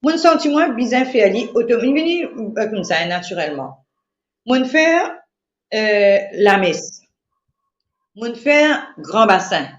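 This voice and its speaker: A woman from Mauritius with a Mauritian Creole accent, chatting on the radio in an animated, repetitive, emphatic way. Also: a little high, slow pace. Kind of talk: casual radio chat. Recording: roomy lo-fi radio recording.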